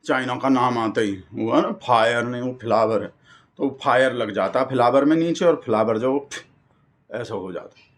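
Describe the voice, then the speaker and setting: Guy w an ish doing a rambly satire bit, folksy, kinda high voice. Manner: rambling, mock-earnest, folksy. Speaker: satirist in character as a devoted supporter. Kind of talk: satirical monologue.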